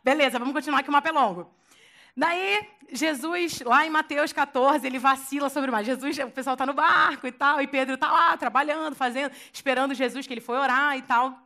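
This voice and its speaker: Bright, high-voiced Brazilian woman preacher. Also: brisk. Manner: playful, slangy, acts out scenes. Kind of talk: lively storytelling sermon.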